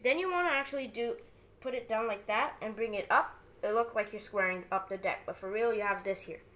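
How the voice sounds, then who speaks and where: A woman's voice: medium pitch, fairly quick, fairly bright tone. A woman giving informal card magician patter, talking through each move step by step as she demonstrates and teaches a trick. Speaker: amateur card magician presenting a trick and tutorial.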